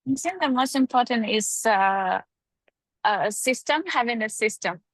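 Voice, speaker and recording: A woman's voice: on the high side, lively intonation, unhurried, no echo, low-quality recording. A woman who is a guest on a live webinar, answering a question simply and casually.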